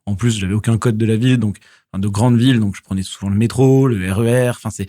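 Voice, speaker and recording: A man in his thirties, originally from southwest France, appears as a guest on a podcast, where he's a company founder chatting in a casual interview. His voice sits on the low side and is warm, with fairly even intonation, and he talks fast. He's hesitant, filling his speech with fillers and restarting often.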